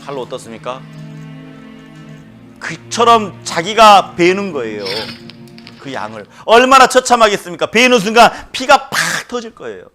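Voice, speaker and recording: A man's voice: high-pitched, very animated, normal speed, pushed and bright, soft background music. A male pastor preaching a sermon who keeps questioning the congregation and stresses his points emphatically.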